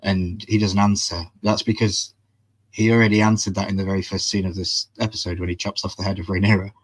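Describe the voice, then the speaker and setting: Low-voiced man, eager explainer. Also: level tone, brisk. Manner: enthusiastic, emphatic explainer. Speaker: co-host of a live TV review. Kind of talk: casual live review chat.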